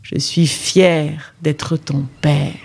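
A woman voicing a gentle, proud father in a children's storybook, speaking slowly and tenderly in a lowered voice. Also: level tone, gravelly, husky, exaggerated voice.

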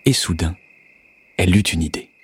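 A man calmly reading a children's story aloud in a measured, scripted narration. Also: deep voice, slightly rough.

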